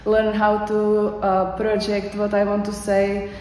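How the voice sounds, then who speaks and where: This course graduate speaks slowly with a completely flat delivery, her mid-range voice a little mellow and marked by a Czech accent from her homeland. Her off-the-cuff testimonial is hesitant, with many fillers and restarts. Faint music and ambience sit behind her in an echoey hall.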